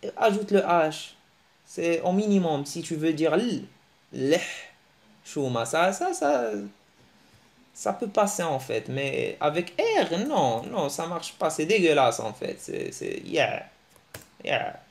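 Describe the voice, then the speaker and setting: A man giving a casual, joking online language lesson, teasing his viewers and breaking into animated bursts. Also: slow pace, vocal fry. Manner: joking, animated, teasing, with sudden pitch jumps. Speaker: language teacher.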